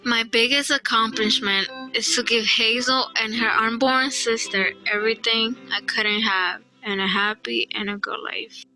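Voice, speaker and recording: A young woman from El Salvador telling her own story as a young mother in a quiet, earnest narrated digital story. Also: on the high side, fairly even intonation, unhurried, few pauses, low-quality recording. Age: young adult. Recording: played-back video with guitar music.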